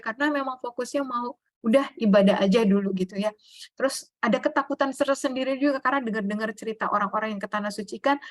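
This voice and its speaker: A woman's voice: a little high, no echo. A woman speaking, telling her personal story in a casual, chatty way with many fillers and light laughs.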